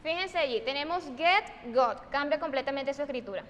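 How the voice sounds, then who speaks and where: A Venezuelan woman teaching English pronunciation, switching between Spanish and English and repeating each example word slowly and with emphasis. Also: sits high, expressive, a bit bright, in a large hall, highs cut off, slight background noise. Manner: slow, emphatic repetition of example words. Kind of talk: recorded online English lesson.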